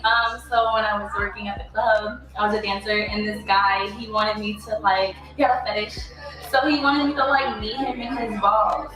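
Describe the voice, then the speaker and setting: A woman in her twenties, a reality show contestant, telling frank stories in a rambling way full of fillers. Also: a little high. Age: 20s. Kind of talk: casual confessional. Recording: echoey, distant, music underneath.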